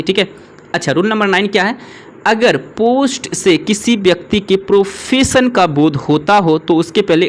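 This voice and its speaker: A man teaches a grammar lesson in a somewhat raised voice. He keeps checking in with the listener and asks the questions aloud before he answers them. His pace is patient and methodical. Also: high voice. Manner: repeats "ठीक है" and poses questions to the learner. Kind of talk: classroom-style grammar lesson.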